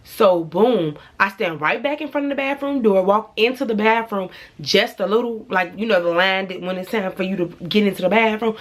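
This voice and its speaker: A young woman vlogger tells her viewers a dramatic personal story straight to camera, blunt and profane, in a medium-pitched voice at normal speed with hardly any pauses. It's a storytime vlog.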